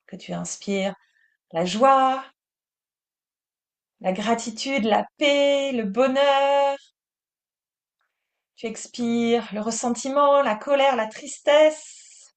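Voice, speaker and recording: French woman teaching meditation, calm and soothing, very slow delivery. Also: high voice.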